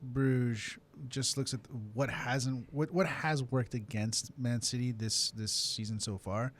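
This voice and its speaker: A man's voice: mid-range voice, fairly even intonation, slow. A man co-hosting a soccer radio show, thinking aloud hesitantly with fillers in casual chat.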